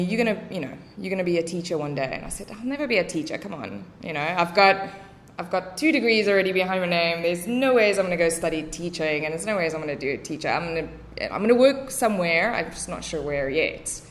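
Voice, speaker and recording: A young South African woman with a South African accent, chatting casually as a podcast guest and often filling pauses with "um". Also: fairly low pitch, expressive, a little hiss or hum. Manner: chatty, many fillers.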